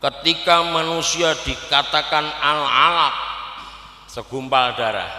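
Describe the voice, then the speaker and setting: Male preacher with a Javanese accent, bright and forceful, lively and joking with the crowd, echoey live recording. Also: medium pitch. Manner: lively, switching between preaching and jokes, often addressing the audience. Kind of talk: humorous sermon. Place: live outdoor religious gathering. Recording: echoey live event sound with long reverb.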